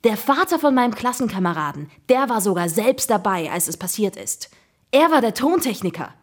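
A woman voicing an excitable schoolboy who chatters eagerly. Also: a little high, fast talker, slightly rough, voice pushed up. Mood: excited.

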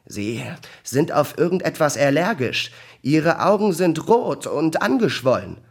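Grumpy lazy cop guy, dry and kinda bored, slow talker, narrator doing him. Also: on the high side, very animated, voice pushed up, exaggerated voice. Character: grumpy, laid-back male detective, adult.

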